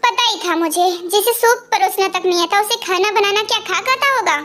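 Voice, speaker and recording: A woman's voice: very high voice, fairly quick. A woman dubbing a strict, scolding middle-aged mother in an amateur fan dub. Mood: harsh. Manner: sharp, scolding, bossy.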